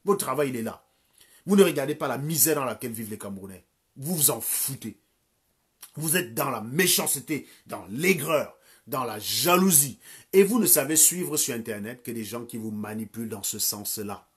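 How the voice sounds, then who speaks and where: A man's voice: medium pitch, animated, moderate pace, fairly bright tone, husky. A man in his thirties ranting scornfully and crudely during a live stream from home. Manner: insulting, crude, scornful rant. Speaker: livestream commentator.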